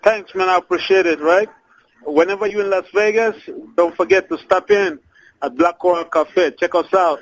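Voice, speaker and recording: A man's voice: high voice, normal speed, low-quality recording. A man chatting casually as a phone-in guest on live radio, informally repeating his phrases. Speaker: cafe owner calling in as guest. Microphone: phone call.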